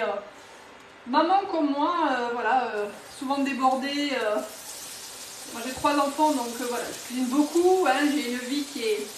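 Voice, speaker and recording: Hosting a live-stream cooking demo from her home kitchen, this woman from near Toulouse in southwest France greets viewers in a high-pitched voice over a noisy background. Her style is chatty and enthusiastic, with many fillers and restarts. The room sounds roomy, and she's a bit distant from the mic.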